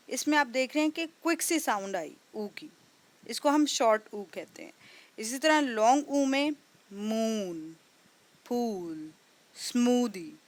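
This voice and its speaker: A young woman teaches phonics, her voice sitting a little high. She sounds each word out slowly, letter by letter, then says it whole, in a patient classroom way. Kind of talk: phonics lesson.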